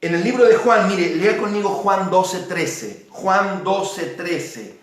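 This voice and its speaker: A man preaching a sermon as pastor, lively and dramatic, acting out the shouts of a crowd. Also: sits high, slow. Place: church. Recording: very echoey church hall, mic far off.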